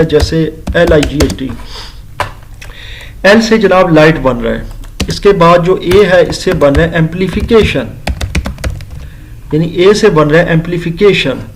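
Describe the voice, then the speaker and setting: Middle-aged male teacher, slightly raised voice, polite, patient, mixing English terms into a lecture. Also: a little high. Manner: explains step by step, mixing English terms into Urdu-Hindi speech; addresses listeners politely with "janab" and "ji". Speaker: grammar teacher. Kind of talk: classroom lecture.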